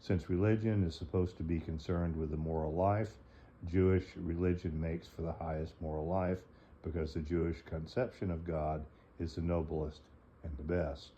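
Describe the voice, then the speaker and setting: A slightly hoarse man talking casually and reading a book aloud, pausing often with fillers, on a dull lo-fi recording. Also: low-pitched, flat delivery, mellow. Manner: hesitant, many fillers between phrases. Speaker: host reading and explaining a book. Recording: dull lo-fi recording, faint noise.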